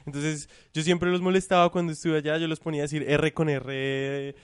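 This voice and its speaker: A man chatting on a podcast, talking things through at length. His voice sits a little high and comes across smooth and clear. The sound is dry and close. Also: level tone, fairly quick, no echo. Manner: explains at length, thinking aloud. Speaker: podcast co-host. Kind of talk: casual podcast chat.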